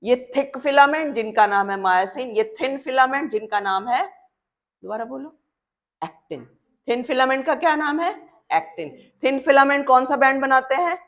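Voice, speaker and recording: Female biology teacher, fairly high voice, quizzes the class and repeats terms slowly while she draws. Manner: asks students questions and answers them. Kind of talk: classroom lesson with drawing.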